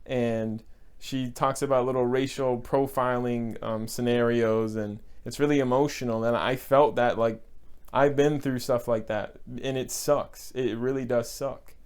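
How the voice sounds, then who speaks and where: In a casual film review, a young man from Texas gets emotional and sincere, stressing points by repeating words and letting out brief laughs. He has a mid-range, clear, resonant voice, slightly mellow, with fairly even intonation and a measured pace.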